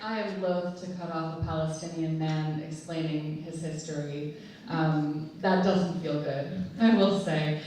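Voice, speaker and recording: A woman organizing a rally, announcing the next speaker in a halting way with fillers. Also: low-pitched, fairly even intonation, darkish tone, heavy reverb, far from the mic, slight background noise, low-quality recording. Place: outdoor rally.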